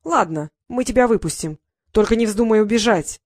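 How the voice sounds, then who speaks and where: A woman's voice: medium pitch, animated, normal speed, darkish tone, no echo, clean studio sound. A woman voicing a mocking, teasing boy who drags out his taunts. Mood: menacing. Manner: taunting, sing-song, drawn out.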